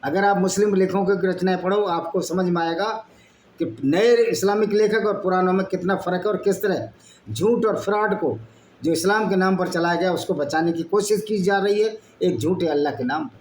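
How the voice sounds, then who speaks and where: Guy with a high voice reading texts and arguing, roomy echo, bit of hiss. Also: moderate pace, darkish tone. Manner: argumentative, mixes reading with blunt asides. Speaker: channel host. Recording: echoey room with faint background noise.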